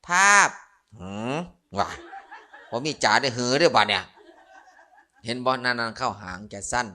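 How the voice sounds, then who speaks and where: A man preaching as a Buddhist monk, his Isan accent running through a lighthearted Dharma talk. He tells stories and jokes and teases the people listening. His voice is bright and forceful, carrying each punchline. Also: mid-range voice, normal speed. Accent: Northeastern Thai (Isan). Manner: joking, storytelling, playful asides to the audience. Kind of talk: humorous Dharma sermon.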